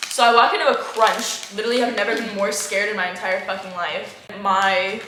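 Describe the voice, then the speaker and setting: A bright, crisp young woman in her late teens hosts a casual Q&A, telling quick, animated stories full of swearing and laughter. Her voice carries in an echoey room with a faint hiss behind it. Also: medium pitch. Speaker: channel host. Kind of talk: casual chat, Q&A with friends.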